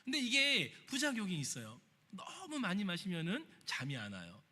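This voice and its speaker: High bright pastor guy preaching in a church, voice rings out in long hall reverb. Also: moderate pace. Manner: lively preaching, acting out quoted voices and asking the congregation questions. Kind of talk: sermon. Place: church sanctuary.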